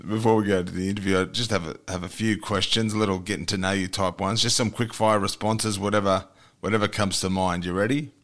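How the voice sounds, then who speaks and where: A man's voice: lowish voice, fairly even intonation, brisk, a bit bright. An Australian man hosting a sports show in a casual, matey way, often repeating himself for emphasis. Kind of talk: casual, chatty interviewing.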